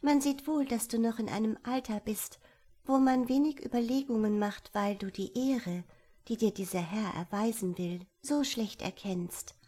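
A woman doing a gentle, tactful elder sister. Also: on the high side, fairly even intonation, normal speed, close to an everyday voice. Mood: scolding. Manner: courteous, soft-hearted. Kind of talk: storybook reading.

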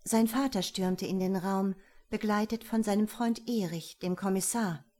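A woman's voice: medium pitch, unhurried, mellow. Woman narrating a story steadily. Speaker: audiobook narrator. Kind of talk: scripted narration.

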